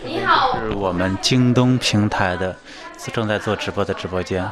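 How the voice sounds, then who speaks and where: A man's voice: on the low side, huge pitch swings, slow pace. A man acting as company guide, plainly explaining the facilities on a tour. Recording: busy crowd noise behind.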